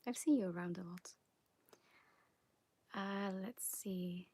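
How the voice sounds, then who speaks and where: A young woman from Belgium with a Flemish accent, hosting a live question-and-answer stream, talking softly and often whispering, a little nervous. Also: mid-range voice, slow, breathy edge, dry recording. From Belgium (Flanders). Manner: soft, partly whispered chat, nervous and giggly. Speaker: ASMR creator. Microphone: phone on a wobbly stand.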